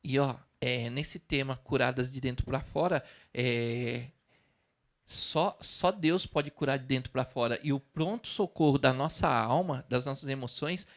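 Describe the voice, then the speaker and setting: Um homem de sotaque brasileiro numa live de igreja, contando casos com humor e falando de Deus. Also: male voice, medium pitch, measured pace. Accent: Brazilian Portuguese. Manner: joking, storytelling. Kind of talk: casual church talk with jokes.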